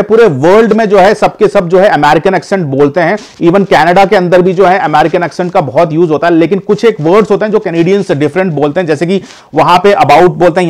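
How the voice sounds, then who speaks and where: An Indian vlogger gives advice in a casual chat to camera, addressing his viewers as "guys." His high-pitched voice is a little mellow, and his talk is peppered with hesitations and restarts.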